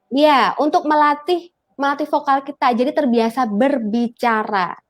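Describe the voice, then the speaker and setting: A woman's voice: sits high, fairly even intonation, normal speed. Javanese-accented woman coaching public speaking. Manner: explanatory, demonstrates vocal drills and newsreader delivery. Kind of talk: casual talk show chat.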